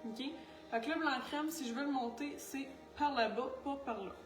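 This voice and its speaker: Speaking at a moderate pace in a high register, a woman with a Quebec French accent runs through a makeup tutorial. The makeup artist talks to camera in a chatty, scattered, self-deprecating way as she goes, sounding distant from the mic in a reverberant room with faint music playing.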